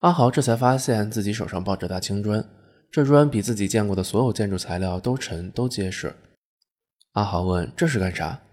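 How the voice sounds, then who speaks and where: Husky-voiced male comic storyteller. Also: on the low side, brisk, a little mellow. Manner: crude, mocking.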